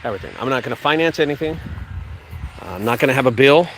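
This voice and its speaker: A fast-talking man in his forties with a medium-pitched voice gives a casual vlog walkthrough of his open rural land outdoors. The relaxed, chatty junk removal business owner says "dude," and a little hiss or hum runs through the recording.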